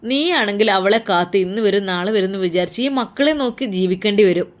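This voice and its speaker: A woman's voice: medium pitch, lively intonation, fast, close to an everyday voice. A woman voicing a firm, persuasive middle-aged aunt with a Malabar Malayalam accent. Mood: probing. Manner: coaxing, persuasive, scolding. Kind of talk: storytelling role voice.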